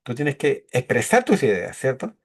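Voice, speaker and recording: A man leads a leadership course in an easy, conversational lecture. His voice sits at an ordinary middle pitch. He keeps checking in with his listeners and acts out brief quoted exchanges to make his points. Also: huge pitch swings, normal speed, slightly rough. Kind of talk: classroom-style lecture.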